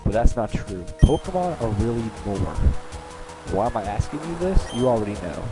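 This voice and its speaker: A man's voice: medium pitch, music in the background, close to an everyday voice, low-quality recording. A man voicing an earnest male champion from a video game, reading steadily with small stumbles. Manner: steady, slightly halting reading of game text.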